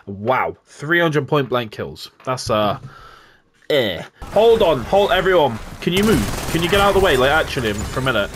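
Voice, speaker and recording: A young man commentating his own video game play, often frustrated and swearing in loud outbursts. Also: mid-range voice, big pitch swings, normal speed. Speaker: gaming YouTuber. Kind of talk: gameplay commentary. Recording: game noise behind voice.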